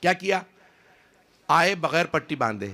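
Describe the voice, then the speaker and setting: A middle-aged man preaching an emotional sermon to a large live gathering, with dramatic rises in pitch and loudness as he addresses the crowd. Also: expressive. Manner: addresses the gathering directly and often. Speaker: Islamic preacher. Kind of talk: impassioned religious sermon.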